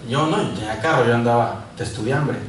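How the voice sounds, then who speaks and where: A man from Mexico, preaching a sermon full of personal testimony and swinging from loud calls to quiet asides. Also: medium pitch, quick pace, a crowd in the background. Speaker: pastor. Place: large echoey church hall. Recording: echoey church hall, mic far off, faint noise.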